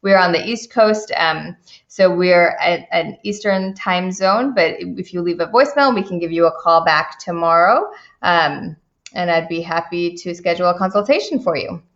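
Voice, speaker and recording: A woman's voice: fairly low pitch, normal speed, fairly bright tone. A woman who is an immigration attorney, answering viewer questions on a live stream, chatty and full of fillers and restarts. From India. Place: home office in the Washington DC area. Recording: dull lo-fi stream audio.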